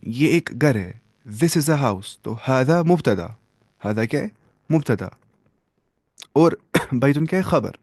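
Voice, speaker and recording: A man's voice: mid-range voice, a little mellow, dry recording, clean studio sound. A man teaching an Arabic grammar lesson, who asks questions and answers them himself, mixes in English terms, and encourages his students. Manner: reassuring, encouraging tone.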